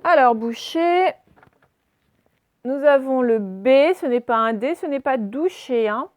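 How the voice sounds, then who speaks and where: A woman's voice: sits high, normal speed, no room sound. A woman primary school teacher giving a remote lesson to young children, patiently spelling out letters and explaining each step as she writes. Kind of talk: remote class lesson, dictating and writing.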